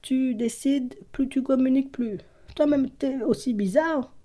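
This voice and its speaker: A woman giving a casual card reading to her viewers, animated and full of fillers, sometimes dropping into a whisper. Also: high voice, measured pace. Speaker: card reader. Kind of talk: casual tarot-style reading to camera.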